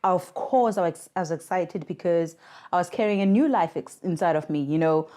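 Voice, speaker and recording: Her fairly low, mellow voice keeps a normal speed as she reflects earnestly on her own life. She is a South African podcast guest in her thirties, recorded remotely, who handles communications for a charity supporting mothers.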